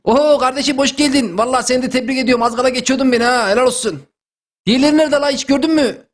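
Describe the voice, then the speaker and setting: Young man, gaming host, high voice, excitable, shouts and repeats himself, lively play-by-play. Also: racing. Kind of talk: excited gameplay commentary.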